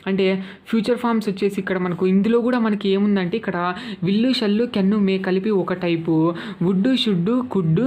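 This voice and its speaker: A woman with a fairly low voice teaching English grammar. She goes over each point patiently and repeats it. She stops often to ask whether the listener has followed. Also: a little mellow. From Telugu-speaking South India. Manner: explains slowly and keeps checking the learner understands. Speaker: English tutor. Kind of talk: Telugu-English grammar lesson.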